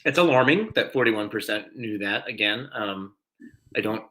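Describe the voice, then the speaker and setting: A man with a lowish voice hosts a live online trivia night. He chats loosely between questions, pokes fun at himself, and chuckles often as he reads out answers. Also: expressive, moderate pace, a bit bright, poor audio. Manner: chatty and self-deprecating, frequent chuckles. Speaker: trivia host. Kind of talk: live-streamed trivia hosting.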